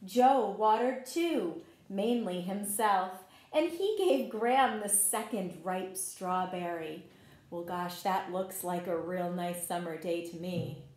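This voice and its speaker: A teacher with a fairly low-pitched voice reads a picture book slowly to small children. Her reading is expressive and encouraging, with frequent questions directed at the kids, captured in a reverberant room.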